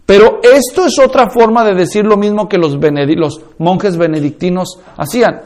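A man's voice: sits high, moderate pace, a little mellow. A man teaching a course on preaching, emphatic and full of rhetorical questions. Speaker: preaching instructor.

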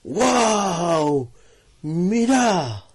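A man voicing an excitable young male foal in a storybook tale, with high, loud exclamations. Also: measured pace, husky, full character voice. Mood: excited.

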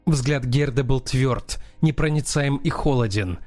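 A man narrating a crime novel as an audiobook in a steady, dramatic reading. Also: mid-range voice, unhurried, no echo. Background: faint music.

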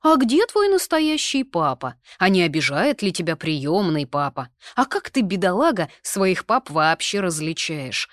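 A woman reading the lines of a lively, stubborn young man in an audiobook, arguing in a brisk way. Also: on the low side, dry recording, clean studio sound, pitched above the performer's own voice. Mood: heated.

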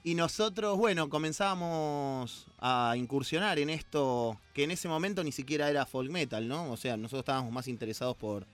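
Rioplatense musician telling stories. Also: male voice, a little high, normal speed, hardly any pauses, faint music behind. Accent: Rioplatense Spanish. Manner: storytelling, jokey asides. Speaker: guest musician. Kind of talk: casual interview.

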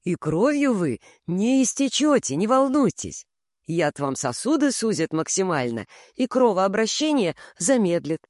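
A composed young shinobi, as a man reads him in an audiobook calls out loudly and distinctly, pitched a little above the reader's own voice. Each word is measured and quietly pleased with itself. The sound is dry and close. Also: big pitch swings, no room sound. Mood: coolly mocking. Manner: loud, clear, measured speech. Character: young male shinobi, calm, coldly pleased.

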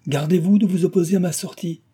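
A man's voice: sits high, steady tone, fast, warm tone, slightly rough, voice pushed up. A man doing a haughty, furious noble mother. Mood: haughty anger. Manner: haughty, angry. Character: proud, enraged older noble mother.

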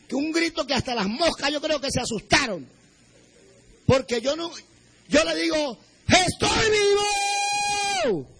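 A man's voice: very high-pitched, husky, rough recording. A man giving an earnest spoken testimony as a plane crash survivor, speaking straight to the listener and acting out what he said back then. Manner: earnest storytelling, addresses the listener directly, acts out his own past words.

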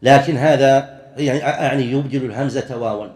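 A man teaching a religious lesson in a measured, explanatory way, pausing to demonstrate correct and wrong pronunciations and sometimes restarting a phrase. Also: medium pitch, steady tone, a little mellow, in a large hall. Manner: occasionally clears throat, restarts phrases. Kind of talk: classroom lecture on worship rules.

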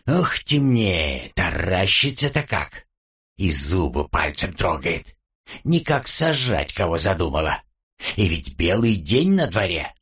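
A man's voice: sits low, big pitch swings, slow, fairly bright tone, slightly rough, heavily acted. A man voicing a fussy, folksy old male house spirit in an audiobook, grumbling and chatty. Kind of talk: audiobook character reading.

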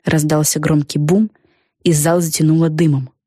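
A woman reads a children's story aloud in a lively, expressive way. Her voice sits low and she is recorded dry and close. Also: normal speed, husky, no room sound. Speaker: audiobook narrator. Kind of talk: scripted storybook narration.

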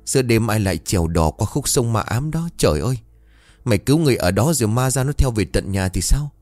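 A man's voice: fairly low pitch, expressive, quick pace, no room sound, faint music behind, voice pushed up, lightly acted. A man voicing an old village woman who scolds and fusses bluntly. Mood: scolding. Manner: scolding, sharp-tongued.

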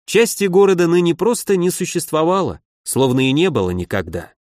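A man's voice: fairly high pitch, expressive, fairly quick, darkish tone, no echo. Man narrating an audiobook, dry and close. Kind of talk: first-person audiobook narration.

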